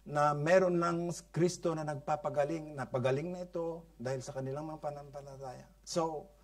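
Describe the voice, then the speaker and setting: A male pastor with a Filipino accent preaching a sermon, mixing Tagalog and English, often asking the congregation "no?" and "Amen?", swelling loud for emphasis and then dropping soft. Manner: switches between Tagalog and English, frequent "no?" and "Amen?" prompts; rises in loudness for emphasis, then drops to soft, low phrases. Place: church congregation.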